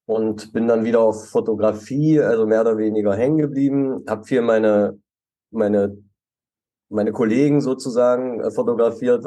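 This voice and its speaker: A middle-aged man from Germany, a photographer guest in a podcast interview, speaking relaxed with many hesitant fillers. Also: medium pitch. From Halle an der Saale, Germany.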